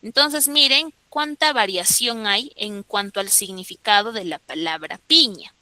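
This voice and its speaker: A woman's voice: medium pitch, measured pace, bright, forceful tone, no echo. A woman, teaching a class and often stopping to check that students follow. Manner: explains with frequent checking questions to students. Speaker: school teacher. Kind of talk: classroom lecture.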